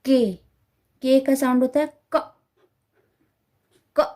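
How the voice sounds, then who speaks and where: A woman teaching letter sounds to parents, repeating each sound carefully and slowly. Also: high-pitched, steady tone, warm tone. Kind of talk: slow instructional explanation.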